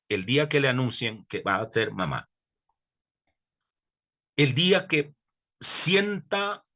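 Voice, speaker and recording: A middle-aged man teaching a recorded theology lecture, earnest and emphatic, slowing down to stress key words and correcting himself as he goes. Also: medium pitch, pushed and bright. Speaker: theology professor.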